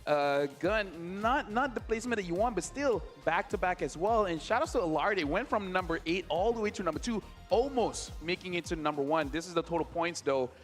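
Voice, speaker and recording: A man doing live esports commentary as a caster, excitable and emphatic. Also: sits high, brisk, few pauses, faint music behind.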